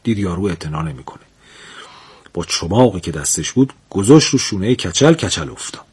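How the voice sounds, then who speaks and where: A man narrates a comic folk tale in a lively, chuckling storytelling manner. His voice is low and noticeably husky.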